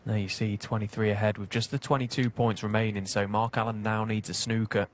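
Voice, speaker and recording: Hushed, even-toned male snooker commentator. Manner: analytical, unhurried, low-key. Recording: broadcast with clear background noise.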